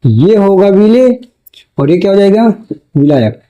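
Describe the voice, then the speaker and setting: A man teaching a chemistry lesson for board exams, posing questions to the class and answering them himself, repeating key terms slowly. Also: high voice, big pitch swings, dark tone, lo-fi sound. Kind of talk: classroom lecture for board exam.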